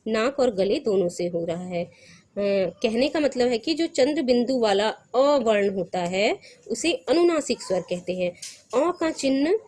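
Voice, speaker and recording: Patient woman teacher, high voice. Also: lively intonation, unhurried, darkish tone. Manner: patient, repeats and asks the class questions. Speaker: school teacher. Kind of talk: recorded Hindi grammar lesson for children.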